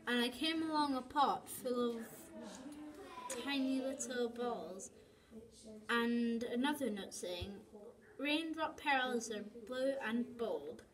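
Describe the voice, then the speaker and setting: A woman reading her own story aloud, slowly and haltingly, with restarts. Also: a little high, crowd noise, low-quality recording. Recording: voice from off the mic, people chattering behind.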